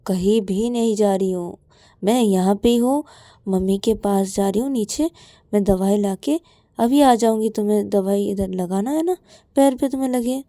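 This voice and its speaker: A woman voicing a calm young woman who gently reassures her partner. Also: mid-range voice, moderate pace, no echo, studio quality, voice pushed down, natural voice. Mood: soothing.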